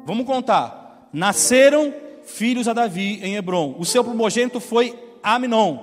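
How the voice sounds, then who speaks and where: Male preacher, high voice, lively colloquial retelling, hall reverb. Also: measured pace. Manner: animated, colloquial storyteller. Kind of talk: sermon with Bible reading and retelling. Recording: reverberant hall with faint music.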